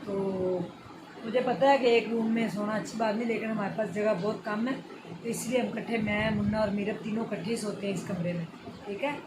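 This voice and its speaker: A woman's voice: medium pitch, fairly even intonation, a little fast, background noise. A woman, vlogging casually and pleadingly from a small bedroom at night. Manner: soothing, pleading, says inshallah often. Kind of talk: casual vlog.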